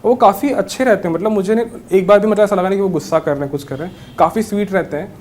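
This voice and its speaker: Young male interview guest, slightly high voice, reassuring and casual, faint noise behind. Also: racing, a little mellow. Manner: friendly, reassuring, mixes English words into Hindi. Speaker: interview guest, newly selected civil judge.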